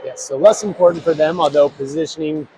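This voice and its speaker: A man hosting a high school hockey broadcast, chatting through the pregame with lots of fillers and quick agreement. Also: fairly even intonation. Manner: chatty, filler-heavy, affirming. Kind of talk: casual pregame commentary. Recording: noisy arena ambience.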